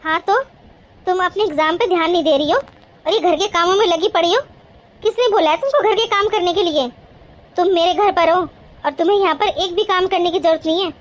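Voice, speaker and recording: A woman's voice: high-pitched, steady tone, fairly quick, close to an everyday voice. Woman voicing a strict, caring cartoon sister-in-law. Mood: scolding. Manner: scolding and bossy, yet affectionate.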